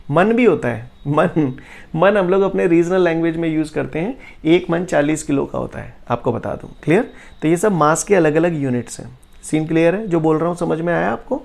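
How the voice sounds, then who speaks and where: A man teaching a physics class in a jokey, teasing way, who keeps checking "clear?" his students. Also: normal speed. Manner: jokey, keeps asking "clear?" and "bolo bhaiya"; swings from low explaining to loud excited teasing. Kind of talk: classroom lecture.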